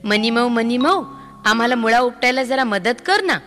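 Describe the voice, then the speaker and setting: A woman's voice: on the high side, expressive, moderate pace, big-room sound, background noise, natural voice. A woman voicing a clever little girl who scolds her brother and coaxes her cat. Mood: pert.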